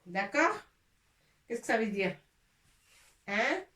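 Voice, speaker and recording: A woman's voice: a little high, sing-song, slow pace, pushed and bright. A woman teaching an Arabic lesson to a class in French, patiently repeating sounds and mixing in Arabic words. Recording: echoey room, from a distance.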